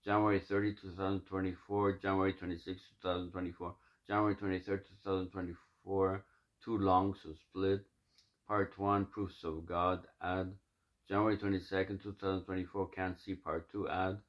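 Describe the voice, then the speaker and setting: Low-voiced man reading his own notes. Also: little pitch movement. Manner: halting, many fillers and restarts. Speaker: self-recording reader of his own writings. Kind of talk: casual spoken preamble, then reading his notes aloud.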